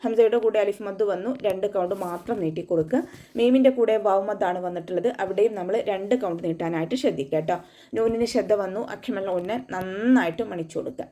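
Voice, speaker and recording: Her voice is medium-pitched and warm as this Quran recitation teacher leads an online tajweed lesson. She explains each rule patiently, step by step, and recites Arabic in a slow, melodic way between her explanations.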